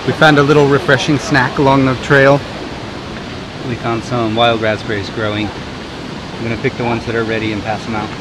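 A man's voice: mid-range voice, moderate pace. A man in his thirties narrating a family hiking vlog outdoors on a forest trail, filming himself with a handheld camera. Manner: relaxed, chatty, observational. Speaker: family vlogger. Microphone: handheld camera at arm's length. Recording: outdoor noise behind.

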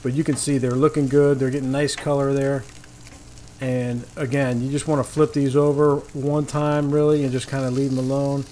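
A cooking show host talks through an informal outdoor demo in a medium-pitched, warm voice, flat in delivery and moderate in pace. His phrasing is folksy and easygoing. He stands by a griddle on a paved patio, its sizzling clearly audible behind his voice.

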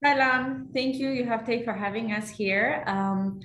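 A woman's voice: a little high, a little slow, a bit bright, reverberant, slight background noise. A young woman, a stay-at-home mom and volunteer, introducing herself in an upbeat, chatty way on a video call.

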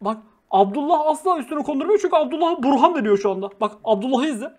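A young woman streamer giving loud, joking live commentary on a TV show, swearing freely. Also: sits high, animated, racing.

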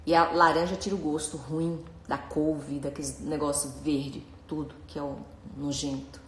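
A woman's voice: low-pitched, flat delivery, normal speed, a little hiss or hum. A woman hosting a casual live stream, chatting and reading viewers' comments aloud, often breaking into nervous laughter. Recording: echoey room with faint ambience.

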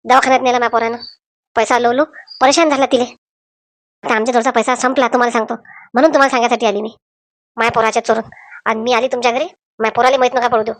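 A woman's voice: on the high side, little pitch movement, racing, long pauses, no echo, lightly acted. A woman voicing a scheming older village woman in a cartoon, wheedling and whiny, with a Varhadi Marathi accent.

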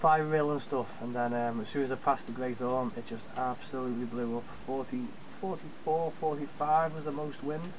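A man's voice: mid-range voice, moderate pace, hardly any pauses. A man, recording a chatty, rambling video diary at arm's length on a small sailboat. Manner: chatty, rambling with many ums. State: exhausted. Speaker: solo sailor. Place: small sailboat at sea, outdoors. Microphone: camera held at arm's length. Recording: dull sound with loud wind noise. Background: wind and water noise.

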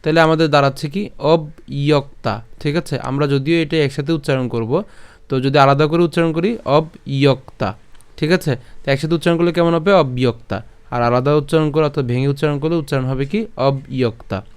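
A man's voice: on the high side, steady tone, clear, resonant tone. Patient man teaching verse pronunciation. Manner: patient, step-by-step, asks and answers his own questions; slow drawn-out chanting of verses. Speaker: Gita recitation teacher. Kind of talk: pronunciation lesson.

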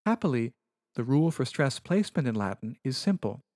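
Dry, measured male Latin lecturer. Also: medium pitch, big pitch swings, darkish tone, dry recording. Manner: measured, precise, explanatory. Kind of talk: recorded lecture narration over slides.

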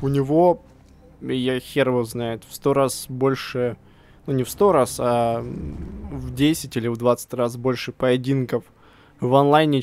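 A man's voice: medium pitch, a little mellow, slight background noise. A man giving casual, slangy gameplay commentary with self-deprecating grumbling. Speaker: gaming video host.

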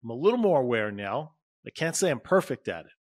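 A fast-talking man with a medium-pitched voice and big pitch swings hosts a relationship-coaching podcast. In a direct, conversational, motivational solo talk, he calls his listeners "you" and "guys" and acts out little quoted exchanges.

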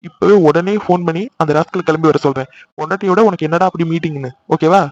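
Guy doing a caring cartoon big bro, talks fast and teasing. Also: a little high, a little mellow, natural voice. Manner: teasing then soothing, scolds playfully. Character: caring older brother, teasing and protective. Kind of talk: animated cartoon dialogue. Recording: slightly dull lo-fi audio.

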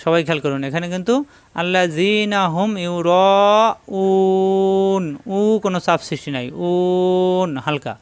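A man teaching Quran tajweed, quickly spelling out letters and marks, then reciting verses slowly and melodiously. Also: high-pitched, steady tone, clean tone, dry recording.

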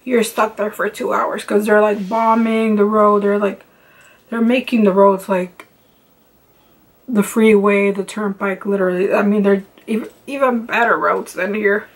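A woman's voice: mid-range voice, fairly even intonation, unhurried, poor audio. A woman, chatting casually through a makeup tutorial in her bedroom, full of "like" and "um" fillers. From Los Angeles, United States. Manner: chatty, rambling, many "like" and "um" fillers. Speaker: beauty vlogger. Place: home bedroom with lamps and makeup shelves.

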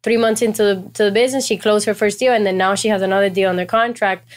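A woman's voice: medium pitch, fairly even intonation, fast. A young woman born in Cuba, a realtor guest on a podcast, explaining her business at length in casual chat. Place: small office studio. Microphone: boom mic on desk.

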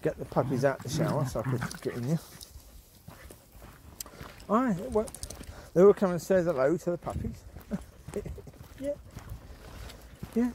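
A man's voice: fairly high pitch, animated, unhurried, pauses often, warm tone, slight background noise. A man chatting casually as he walks his dogs outdoors along a countryside path, rambling and often restarting or trailing off. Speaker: vlogger and dog owner. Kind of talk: walk-and-talk vlog.

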